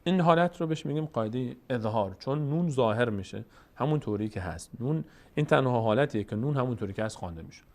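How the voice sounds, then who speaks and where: A man teaching Quran reading step by step. He is patient and repetitive, answers his own questions, and slowly stretches out sounds when demonstrating them. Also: mid-range voice, expressive. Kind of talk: step-by-step recitation lesson.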